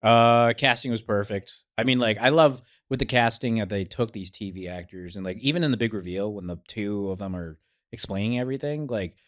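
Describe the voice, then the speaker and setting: Lower-voiced man, laid-back guest. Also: a little fast, a bit bright. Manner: laid-back, easygoing, jokey. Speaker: podcast guest. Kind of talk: casual movie review chat.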